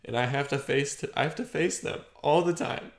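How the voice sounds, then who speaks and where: A man talking through his feelings in a rambling, halting, reflective monologue, clearing his throat often and swearing casually. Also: mid-range voice, echoey room. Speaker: vlogger. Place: outdoors on a property.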